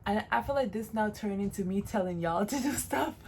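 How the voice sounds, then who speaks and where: Speaking a little fast in a mid-range voice, with a touch of hiss or hum on the recording, this late-twenties woman originally from Jamaica vlogs encouraging, casual advice. She repeats phrases to stress her points.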